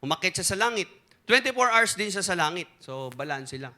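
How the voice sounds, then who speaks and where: A man with a Filipino accent preaching a sermon, telling a joke in an animated storytelling way and mixing Tagalog and English. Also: sits high, fairly quick. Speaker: pastor.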